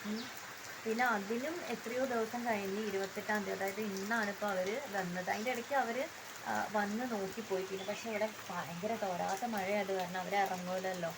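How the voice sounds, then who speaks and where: Woman vlogger with a gravelly voice, casual and chatty, recorded outside with steady rain hiss. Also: mid-range voice, a little fast. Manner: chatty, explaining step by step. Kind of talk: casual vlog narration. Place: outdoors at home during heavy rain.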